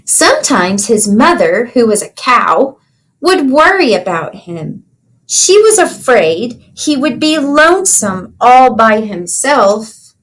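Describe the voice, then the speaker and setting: A woman with a fairly high, lively voice reads a picture book to young children. She takes her time and explains things simply, with plenty of rise and fall as she checks in with her listeners. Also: slow pace, poor audio. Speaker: teacher reading aloud to children. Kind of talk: children's storybook read-aloud with explanations.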